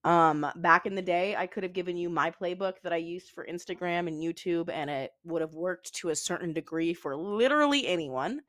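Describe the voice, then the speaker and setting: A woman's voice: fairly low pitch, a little fast, few pauses, a bit bright, no echo, studio quality. A young woman co-hosting a podcast in casual chat, rambling with lots of fillers. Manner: chatty, rambling with many fillers. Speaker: podcast co-host.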